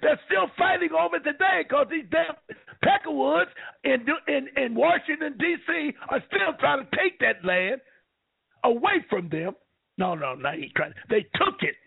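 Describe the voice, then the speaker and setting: Fiery high-voiced radio host, tinny line. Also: male voice, lively intonation, normal speed, vocal fry. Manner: fiery, preachy, swings from shouting to low asides. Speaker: radio talk show host. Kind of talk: call-in radio talk.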